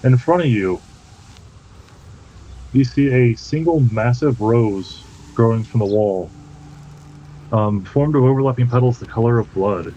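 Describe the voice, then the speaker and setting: A man narrating a tabletop game as game master in a casual, halting, descriptive way. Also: medium pitch, mellow, highs cut off, a little hiss or hum.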